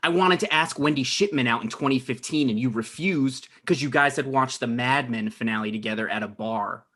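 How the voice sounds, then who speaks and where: At a naturalistic comedy table read, an actor voices an anxious, resentful man in his thirties, speaking haltingly and defensively. His mid-range voice is slightly bright, the acting light, and the mood aggrieved.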